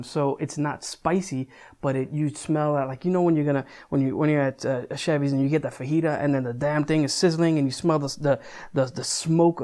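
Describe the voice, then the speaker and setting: A man's voice: fairly high pitch, a little mellow. Chatty young man reviewing beer. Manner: chatty, loose, swears casually, lots of restarts. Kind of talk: casual video review.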